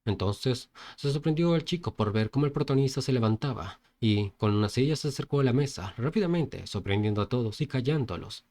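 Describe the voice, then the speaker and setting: Relaxed male comic recap narrator. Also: mid-range voice, fairly quick, few pauses. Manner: relaxed, informal, with small slips and spoken sound effects. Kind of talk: casual story narration.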